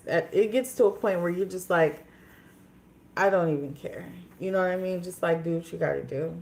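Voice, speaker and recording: Woman in her 20s from minnesota rambling on her phone livestream, lots of "like" and "you know", lowish voice. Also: darkish tone. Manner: candid, rambling, many fillers and restarts. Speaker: livestream host. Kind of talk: casual livestream chat.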